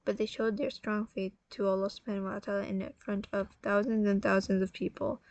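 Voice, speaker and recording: A tired woman telling a religious story in a casual, halting way, often correcting herself. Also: mid-range voice, little pitch movement, a little mellow, no room sound, lo-fi sound. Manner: halting, self-correcting, apologetic.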